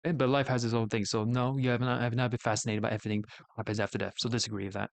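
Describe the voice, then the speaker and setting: A man with a mid-pitched voice talks through his opinions as a casual streamer. He rambles, doubles back and corrects himself as he thinks aloud. The sound is close and dry. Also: level tone, rapid-fire, creaky, no echo. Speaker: VTuber streamer.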